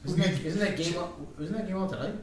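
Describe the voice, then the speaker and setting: A man's voice: high-pitched, quick pace. A young man co-hosting a podcast, chatting loosely about sports with plenty of swearing and restarts. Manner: loose, profane, restarts often. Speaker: podcast co-host. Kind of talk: casual sports chat. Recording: echoey room from far off, noisy.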